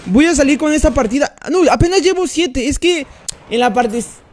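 A man's voice: very high voice, animated, moderate pace. A man commenting on his mobile gameplay during a live stream, chatting and greeting each viewer by name as he plays. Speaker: gaming streamer.

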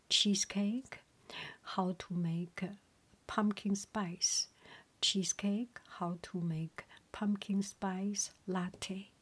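Slow, breathy whispering woman. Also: lowish voice. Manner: halting, often repeating herself. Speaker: home cook and video creator. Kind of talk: whispered ASMR chat.

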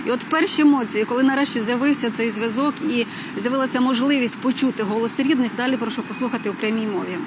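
A woman field reporter delivering a live news report outdoors on a city street, brisk and fluent. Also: fairly high pitch. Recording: street noise behind. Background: traffic and street noise.

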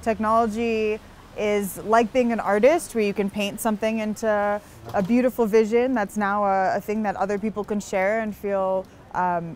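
A woman's voice: mid-range voice, darkish tone, slight background noise. Earnest young woman on a street. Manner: earnest, talks at length with many restarts. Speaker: interview guest. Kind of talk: street interview. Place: outdoors on a busy town street in winter.

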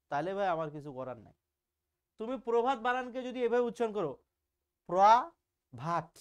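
A man's voice: sits high, clean tone. A man from Bangladesh, teaching a casual online grammar lesson in a chatty, teasing way, asking rhetorical questions and drawing out example words.

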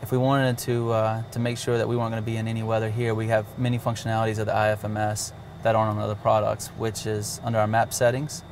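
Speaking fast and monotone with hardly any pauses, this man has a voice on the low side, and there's slight background noise. He demonstrates a cockpit navigation system casually and step by step, as an avionics demonstrator would, with a filler here and there.

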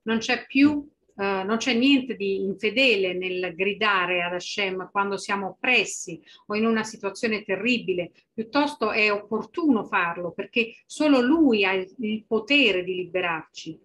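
A woman's voice: medium pitch, a little slow, few pauses, fairly bright tone, slight background noise. Woman interpreting a sermon, phrase by phrase. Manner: translates phrase by phrase, with small restarts.

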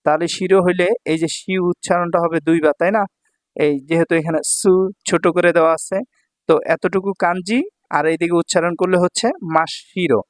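A man from Bangladesh explains kanji patiently, saying key words twice and checking in with his students. His voice sits a little high for a man. The sound is dry and close, with no room around it. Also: fairly even intonation, fairly quick, dry recording. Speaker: Japanese language teacher. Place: Dhaka language center.

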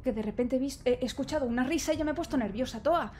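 A woman's voice: sits high, very fast, darkish tone, a little hiss or hum. A young woman, commentating a video game she plays, nervous and exclaiming, talking to the characters on screen. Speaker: gaming streamer. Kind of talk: let's play commentary.

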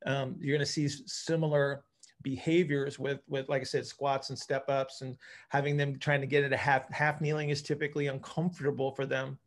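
A middle-aged coach and physical therapist hosts a group video call from an indoor room at home. Speaking at medium pitch with a flat, slightly fast delivery, he talks through technical concepts informally and repeats words while thinking out loud.

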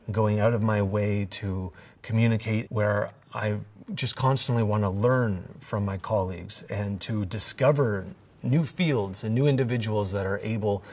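A male researcher with a lowish voice speaks fluently and steadily. He is picked up from a distance, well away from the mic. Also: darkish tone. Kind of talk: documentary interview.

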